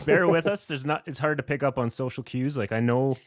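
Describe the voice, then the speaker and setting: A man's voice: medium pitch, normal speed, no echo. A man co-hosting a casual radio interview, upbeat and teasing, laughing a lot. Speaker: radio show co-host.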